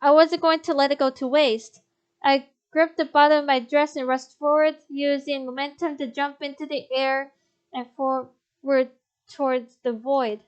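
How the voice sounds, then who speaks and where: Young female streamer, high voice, expressive narration, blunt asides. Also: unhurried, dull audio. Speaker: game streamer. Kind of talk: reading a visual novel aloud.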